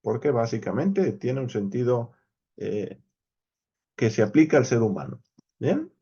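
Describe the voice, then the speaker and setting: A man's voice: medium pitch, very animated, a little slow, dark tone, husky, muffled recording. A man with a Spain Spanish accent, teaching a verse-by-verse Hebrew Bible lesson. He explains step by step, counts letters aloud and checks in often with his listeners.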